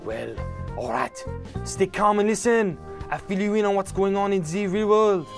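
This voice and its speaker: A man's voice: high-pitched, animated, normal speed, creaky, soft background music, pitched above the performer's own voice. A man voicing a flamboyant male pigeon hero with a put-on French accent, speaking theatrically. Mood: urgent. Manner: theatrical, dashing.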